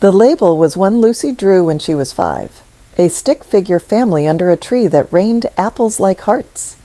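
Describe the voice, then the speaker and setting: A woman narrating a scripted story in a slow, measured, softly emotional way. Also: medium pitch, very animated, low-quality recording.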